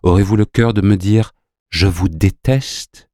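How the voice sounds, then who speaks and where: Man doing a self-important suitor, grave, reproachful, deep, dry sound, storybook. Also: unhurried, a little mellow, no echo. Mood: imploring.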